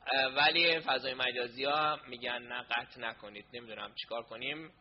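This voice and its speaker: A man's voice: medium pitch, fairly even intonation, muffled recording, a little hiss or hum. Flustered man fixing tech mid-session. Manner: flustered, sorting out tech problems aloud. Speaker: online class presenter. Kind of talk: casual talk during a live online session.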